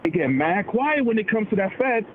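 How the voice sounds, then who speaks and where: A man of Dominican heritage chats casually about politics at a moderate pace, using loose slang and frequently slipping into voices for the people he quotes. His voice is a little high for a man and comes through a narrow, tinny, phone-like line with steady background noise.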